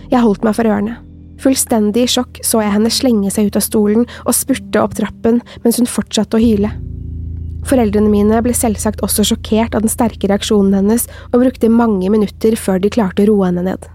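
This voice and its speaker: A woman co-hosting a podcast, reading a listener's horror story aloud in a slow, measured way. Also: on the high side, mellow. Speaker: podcast co-host.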